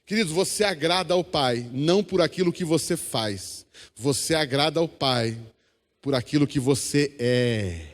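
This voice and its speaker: High-voiced Brazilian pastor preaching. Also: male voice, animated, a little slow. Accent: Brazilian Portuguese. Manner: exhorting congregation, call-and-response. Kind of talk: sermon. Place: church hall. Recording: long church hall reverb.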